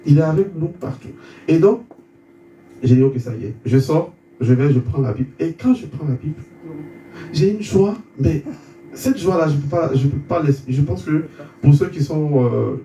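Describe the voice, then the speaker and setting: A man tells his story in a mellow, warm voice, stumbling over repeated words as he acts out the exchanges. He sits back from the mic in a roomy space, and a faint hum runs underneath. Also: on the high side, expressive, moderate pace, far from the mic. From Côte d'Ivoire. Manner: stumbling repetitions, re-enacting dialogue. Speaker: guest giving a testimony. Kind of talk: conversion testimony, storytelling.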